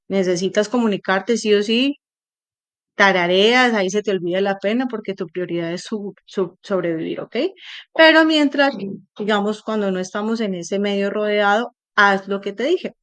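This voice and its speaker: Chatty woman teaching on a video call. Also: mid-range voice. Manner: animated, chatty, explains with examples. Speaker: English teacher. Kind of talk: casual online class advice. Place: online class.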